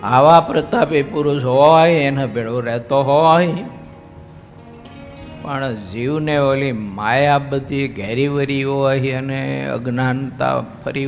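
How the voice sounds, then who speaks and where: A man's voice: medium pitch, creaky, in a large hall. A man with a Gujarati accent, a swami giving a storytelling sermon to an assembly, acting out the cries of the people in his story. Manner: slow, dramatic storytelling that acts out cries and wails of the characters. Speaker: swami giving a religious discourse. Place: large assembly hall.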